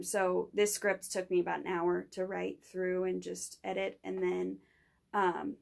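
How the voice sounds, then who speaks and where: A young adult woman, a student, pitches her own project in casual conversation. She rambles with fillers and restarts, and her voice is creaky and a little mellow.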